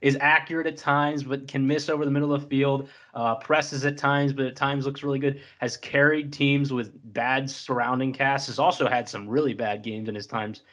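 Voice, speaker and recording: A man's voice: mid-range voice, flat delivery, moderate pace, few pauses, fairly bright tone. Rambling man breaking down a quarterback. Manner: rambling, hedging, many fillers. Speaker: co-host analyst. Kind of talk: casual sports talk.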